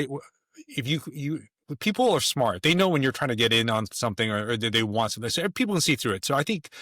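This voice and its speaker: A man's voice: medium pitch, pushed and bright, no echo, clean studio sound. A man talking as a podcast guest in casual conversation, emphatic and rambling, with many restarts.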